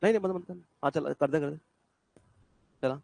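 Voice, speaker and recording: High-voiced man running a live class. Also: fairly quick, gravelly, a little mellow, dry recording. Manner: casual, chatty, checks with the class and the online viewers. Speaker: English teacher. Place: classroom campus with students. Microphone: classroom mic and speaker, streamed online.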